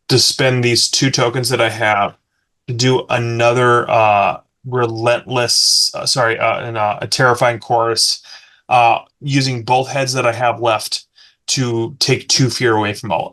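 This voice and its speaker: A man running a tabletop game as game master, narrating combat in quick bursts broken by fillers and restarts. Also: medium pitch, steady tone, a bit bright. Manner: fast, halting with many fillers and restarts.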